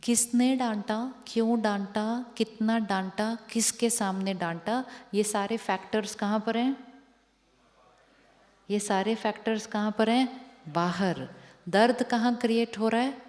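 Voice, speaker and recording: Woman spiritual teacher talking slow in an echoey hall, keeps asking the crowd the same questions. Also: fairly high pitch, fairly even intonation, a little mellow. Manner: repeats rhetorical questions to the audience. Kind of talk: spiritual discourse to an audience. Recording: long hall reverb.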